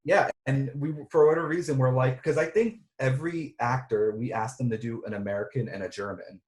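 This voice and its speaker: A man reminiscing in a loose, rambling way, often restarting his sentences. His voice has a middling pitch. The recording is roomy and echoey. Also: a little fast, a little mellow. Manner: rambling, many restarts and fillers. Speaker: director and writer. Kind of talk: casual reunion chat. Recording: roomy echo.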